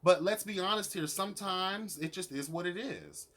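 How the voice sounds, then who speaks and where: A male vlogger reviewing reality show episodes gives casual, opinionated commentary in a high, slightly bright voice at normal speed. He is sassy and emphatic, using slangy wording and swearing freely.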